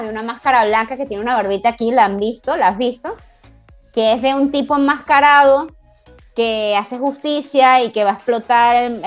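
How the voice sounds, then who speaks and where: A woman in her twenties co-hosting a podcast, telling a story in an animated, casual way and laughing often. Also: fairly high pitch. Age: 20s. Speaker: podcast co-host.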